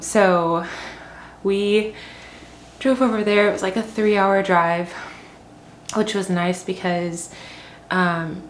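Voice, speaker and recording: A young woman vlogger with a lowish voice gives a casual pregnancy update, rambling and chatty, using lots of fillers and sounding a little short of breath. There's slight background noise, and the room is echoey with faint ambience.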